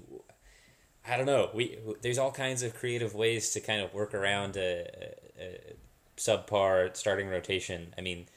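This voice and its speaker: A man co-hosting a casual sports podcast, talking in a halting way, repeating words and laughing easily. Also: deep voice, fairly bright tone. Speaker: podcast co-host.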